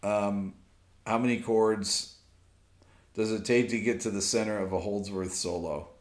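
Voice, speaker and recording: At a measured pace, a low-voiced host in his fifties rambles through a casual late-night livestream for his YouTube music channel, reading viewer questions aloud and filling his answers with ums. He sits at a desk with his phone in a home music studio stacked with amplifiers. An off-camera mic picks up roomy studio sound.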